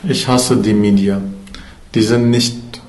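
A man playing an undercover agent posing as a museum worker, speaking halting German with an Arabic accent and a blunt, swearing manner. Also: lowish voice, fairly even intonation, a little mellow, roomy sound. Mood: deadpan.

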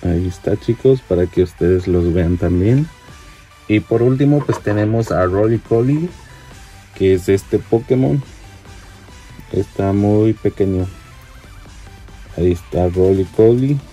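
A man giving relaxed, chatty commentary while unboxing toy figures at a display shelf, with plenty of fillers. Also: fairly low pitch, measured pace, pauses often, faint music behind.

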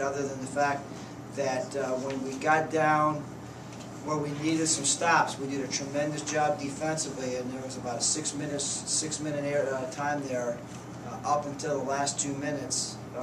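A man in his fifties, a head coach giving plainspoken, halting postgame answers at a press conference table. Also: mid-range voice. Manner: plainspoken, halting, restarts often. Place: press conference room, indoors. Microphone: table mics, heard from a distance. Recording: echoey room, distant mic, noisy.

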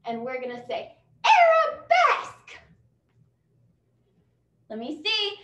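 A woman's voice: sits high, measured pace. A young adult woman teaching a children's dance class in a broad, singsong, encouraging kids' theatre manner, energetically demonstrating as she talks. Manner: energetic, demonstrating moves while talking. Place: indoor dance studio, distant camera. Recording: echoey studio, distant mic, music behind.

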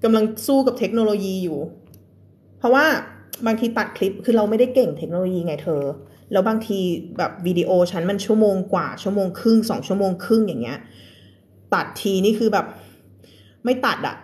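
A woman's voice: medium pitch, expressive, a little fast, darkish tone. A young woman teaching English in a casual live stream, chatting and laughing with viewers between storybook passages.

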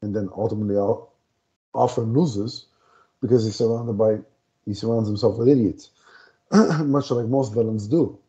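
Co-hosting a laid-back comic review podcast from home, this man frequently gropes for words and pauses often. He speaks at normal speed with a lowish, dark voice, heard through a headset over dull, lo-fi video call audio.

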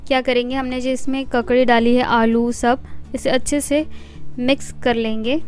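A middle-aged woman hosting a cooking show, calmly explaining each recipe step and listing the ingredients one by one in a voice-over. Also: fairly high pitch, moderate pace, faint music behind.

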